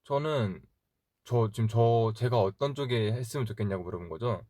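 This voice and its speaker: A young man in his twenties hosts an idol livestream, chatting casually with fans, answering their comments with easy laughs and rambling stories. His mid-range voice is chatty and meandering, broken by quick laughs and soft mutters to himself. The studio recording is clean, with no echo.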